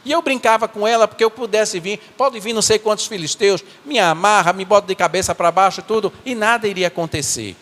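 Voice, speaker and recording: A man's voice: sits high, fairly bright tone. Man playing a rueful biblical strongman in a church monologue: earnest, stumbling repeats, reverberant sanctuary sound. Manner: earnest, halting storytelling with repeated words. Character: biblical strongman, remorseful, telling his own fall. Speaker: church performer. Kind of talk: first-person dramatic monologue in church. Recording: echoey church hall.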